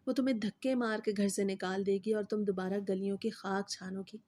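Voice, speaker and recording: A woman reads out a scheming, menacing stepfather with a stern tone. The voice is mellow and dark, staying close to the reader's own. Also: medium pitch, steady tone, close to an everyday voice. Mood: threatening. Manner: stern, threatening. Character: cruel scheming stepfather, a middle-aged man.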